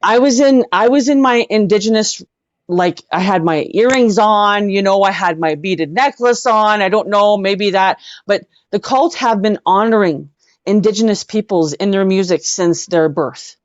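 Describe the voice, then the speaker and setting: Speaking at a normal speed with a medium-pitched voice, a rock singer tells light anecdotes as an interview guest. Her style is effusive and emphatic, with repetition used for stress, and the recording is dull and lo-fi, with an echoing room sound.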